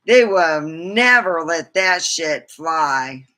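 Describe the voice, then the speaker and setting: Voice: mid-range voice, lively intonation, drawn-out words, bright, forceful tone. A livestream host chatting casually, in a loose, rambling way that drifts between thoughts.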